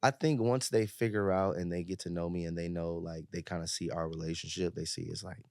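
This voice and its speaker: Low-voiced laid-back young man. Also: steady tone, a little fast, vocal fry, a little mellow, dry recording, clean studio sound. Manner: laid-back storytelling, peppered with "you know what I mean". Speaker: podcast guest. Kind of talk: casual chat.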